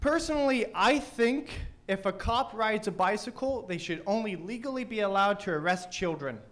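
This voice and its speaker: Brash high-voiced young comedian. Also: male voice, lively intonation, moderate pace, a bit bright, a little hiss or hum. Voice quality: thick, mushy pronunciation. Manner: brash, profane, teasing the crowd. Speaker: stand-up comedian; teacher. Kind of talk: open mic stand-up. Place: small comedy studio stage.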